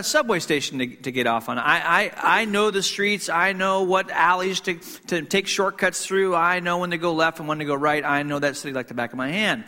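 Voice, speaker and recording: Man, from Hong Kong, pastor telling a sermon story, slightly high voice, fillers and restarts, long hall reverb. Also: bright, forceful tone. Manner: conversational, frequent fillers and restarts, self-deprecating humor.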